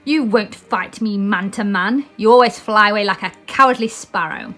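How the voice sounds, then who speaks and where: A woman voicing a scheming male pirate captain with a theatrical, menacing, drawn-out delivery in a storybook. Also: medium pitch, a bit bright, soft background music, close to an everyday voice. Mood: furious taunting.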